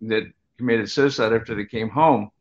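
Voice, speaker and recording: A man in his seventies reminiscing as a veteran in a halting, unhurried, rambling grandpa storytelling way. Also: fairly low pitch. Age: 70s. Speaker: guest, Vietnam veteran. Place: home room, on a video call. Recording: dull, lo-fi video call audio.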